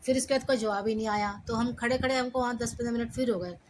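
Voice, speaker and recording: A middle-aged woman retells a personal story in the first person, animated as she acts out the dialogue. Her voice sits a little high, with a faint hiss under the recording. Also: fast talker, poor audio. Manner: lively retelling, acting out quoted dialogue.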